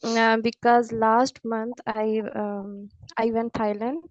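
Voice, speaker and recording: A woman with a Punjabi accent, an English learner speaking hesitantly and with frequent pauses as a student in an online lesson. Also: fairly high pitch, level tone, no echo, highs cut off. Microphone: online call.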